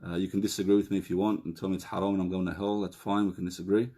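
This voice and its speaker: Low-voiced man counselling in a live Q&A. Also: level tone, warm tone, husky. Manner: conversational, reads out viewer questions; slows down and repeats key phrases. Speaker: relationship counsellor. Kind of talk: live Q&A session.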